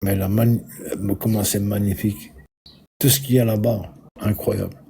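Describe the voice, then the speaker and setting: A man's voice: lowish voice, little pitch movement, moderate pace, creaky, dark tone, a little hiss or hum. A middle-aged man from Belgium calling into a live stream, speaking earnestly and a bit hesitantly. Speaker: caller. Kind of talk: casual conversation.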